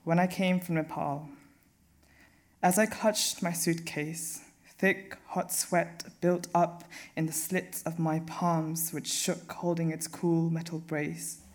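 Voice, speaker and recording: A young man reading his own poems aloud at a live event, modest and soft-spoken, with a measured delivery. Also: a little high, little pitch movement. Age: young adult. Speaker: young poet.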